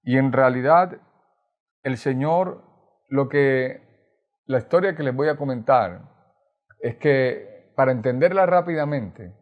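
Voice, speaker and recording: A man's voice: medium pitch, expressive, takes it slowly, long pauses, phone-quality sound. A man from Colombia with a Colombian Caribbean accent, preaching a sermon as pastor, earnestly retelling scripture with tag questions. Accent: Colombian Caribbean Spanish.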